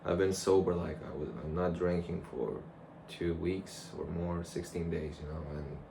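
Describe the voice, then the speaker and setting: A man's voice: deep voice, steady tone, moderate pace. A young man rambling casually and reflectively to a camera, in a loose conversational monologue. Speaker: vlogger. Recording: clear background noise.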